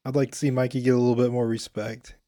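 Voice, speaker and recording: Flat, mellow-voiced man chatting. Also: mid-range voice, fast talker, dry recording, studio quality. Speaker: podcast guest. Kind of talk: casual podcast chat.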